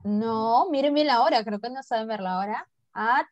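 A woman's voice: fairly high pitch, normal speed, no room sound, muffled recording, faint music behind. Coaxing woman teacher drilling words. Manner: coaxing, drills pronunciation by repeating. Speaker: English teacher. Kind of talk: online class instruction.

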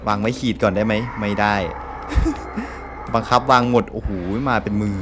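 A gameplay streamer from Thailand jumps and exclaims his way through a horror game, swearing often. He talks fast in a fairly low voice with little pitch movement, and there's background noise.

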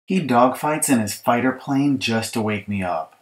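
Voicing a fed-up young girl, a man reads his own picture book aloud as she complains emphatically about her bratty little brother. His medium-pitched delivery is at normal speed and close to his everyday voice, with a mock-aggrieved, dramatic tone.

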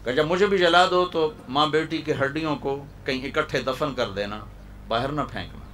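A male preacher voicing a devout servant woman who answers a tyrant quietly and firmly. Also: on the high side, a little hiss or hum, close to an everyday voice. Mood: defiant. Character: steadfast devout slave woman, defiant.

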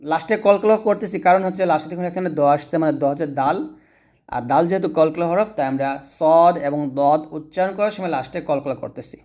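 This is a Quran reading lesson led by a man whose voice sits fairly high and is a little mellow. He repeats each letter sound slowly and patiently so students can say it back.

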